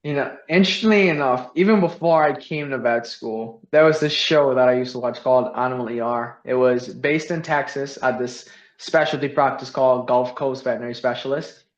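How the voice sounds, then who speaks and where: A man's voice: medium pitch, a little fast, few pauses. A young man from the Bahamas, a veterinary student, talking earnestly as a guest in a casual interview. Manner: earnest, uses many fillers like "like". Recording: roomy, dull lo-fi sound.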